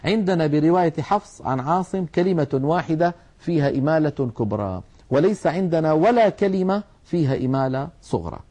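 A man with a fairly high, mellow voice gives a religious lesson on recitation rules. He explains patiently to his listeners. He draws out single sounds slowly so they can copy them. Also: animated. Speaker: Quran recitation teacher.

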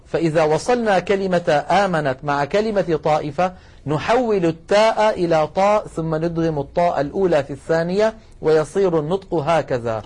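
Speaking with a fairly high, darkish voice, a man explains Quran recitation rules in a recorded lesson. He's patient, calls his listeners brothers, and slows considerably when reciting every example.

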